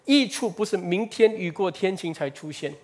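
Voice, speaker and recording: Husky-voiced man preaching a sermon. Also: high-pitched, lively intonation, moderate pace. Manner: earnest, rhetorical questions, rising emphasis. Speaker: pastor.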